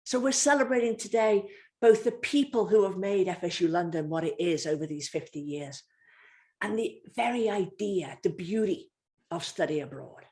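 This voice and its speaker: A woman's voice: fairly low pitch, moderate pace, a little mellow. A woman hosts an online event and interviews a guest over a video call, speaking in a polished presenter's style. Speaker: host. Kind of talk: hosting an online alumni event.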